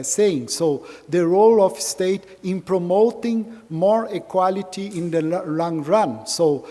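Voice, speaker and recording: Slow, hesitant man lecturing in a hall. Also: a little high, mellow. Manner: slow and hesitant, many fillers. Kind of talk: academic lecture remarks.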